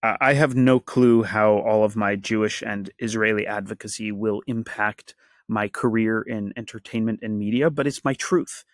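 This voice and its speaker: A man's voice: lowish voice, steady tone, moderate pace, no echo, clean studio sound. Earnest man listing his thoughts. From Washington, D.C. area, USA. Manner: earnest, reflective, builds long lists. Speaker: guest, actor and activist. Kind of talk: conversational interview.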